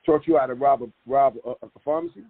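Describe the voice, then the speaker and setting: Guy interviewing, laid-back and direct, kinda husky, tinny phone sound. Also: medium pitch, wildly swooping pitch, fast. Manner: casual, colloquial, direct questions. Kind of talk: casual conversational interview.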